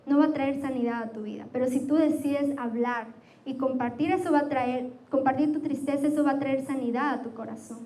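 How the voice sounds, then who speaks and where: Una mujer joven que predica un sermón con tono sincero y se dirige a menudo a los oyentes preguntando "¿sí?". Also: female voice, high voice, warm tone, rough recording. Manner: earnest, addresses listeners directly with frequent "¿sí?". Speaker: preacher. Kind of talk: sermon to a youth church.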